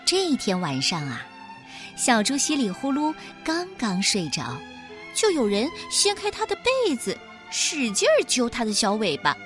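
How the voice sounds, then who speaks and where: A woman narrating a children's storybook in a slow, expressive storytelling manner. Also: fairly high pitch, faint music behind.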